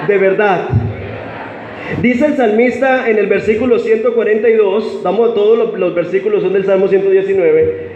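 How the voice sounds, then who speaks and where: A man preaches with lively energy, often asking the congregation to answer or repeat after him. His voice sits high. The recording is a dull, echoey capture from a church hall with faint noise behind him. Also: normal speed. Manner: animated preaching with audience call-and-response. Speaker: pastor. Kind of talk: sermon. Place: church sanctuary.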